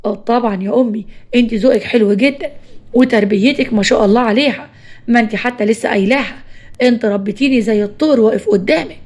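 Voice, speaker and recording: A young Egyptian husband, polite and placating, caught between his mother and his wife, as a woman reads his part. He talks quickly on a voice that stays fairly high. It is part of a spoken story. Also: a little mellow, natural voice.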